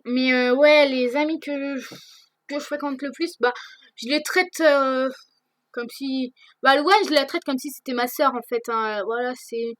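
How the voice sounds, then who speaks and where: A woman's voice: sits high, fairly even intonation, measured pace, dry recording. A teenage girl answering viewer questions in a casual vlog, hesitant, with many fillers and restarts. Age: teens. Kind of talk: casual chat.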